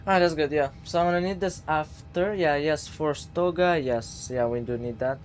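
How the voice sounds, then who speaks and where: A man's voice: fairly high pitch, normal speed, soft background music. A man streaming a flight simulator, casually thinking aloud and muttering to himself as he works through procedures.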